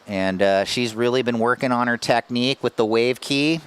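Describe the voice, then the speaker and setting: A man's voice: medium pitch, normal speed, fairly bright tone, a little hiss or hum. A man doing live surf contest commentary, calling scores and priorities in a laid-back, casual surfer way with slang.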